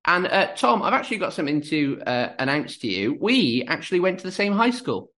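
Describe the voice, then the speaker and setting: A man's voice: on the high side, big pitch swings, brisk, a bit bright. A man in his twenties hosting a podcast interview, upbeat and chatty. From Wales. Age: 20s. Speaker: podcast host.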